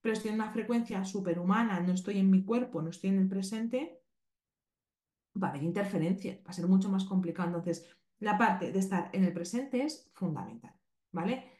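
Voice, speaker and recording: A woman from Spain with a Spanish accent explains a podcast lesson, pausing to check in with her listeners. Her voice sits at a middle pitch, and a roomy echo hangs around it. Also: animated, dark tone. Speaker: animal communication teacher.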